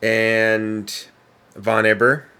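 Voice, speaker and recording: A man's voice: lowish voice, level tone, very slow, bright, forceful tone, clean tone. A young adult man co-hosting a podcast in casual chat, rambling with many ums and restarts. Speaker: podcast co-host.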